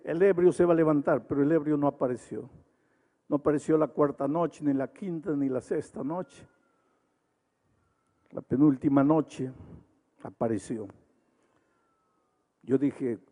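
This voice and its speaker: A man preaching an evangelistic sermon with a Latin American Spanish accent, swelling into loud, impassioned appeals. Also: mid-range voice. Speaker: pastor. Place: large arena. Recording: echoey arena with long reverb.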